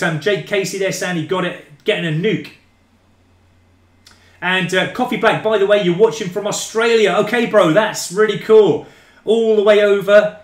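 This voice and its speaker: A man hosting a gaming live stream, chatting loosely and reading out viewer comments, calling them mate and guys. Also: high voice. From England. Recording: roomy echo.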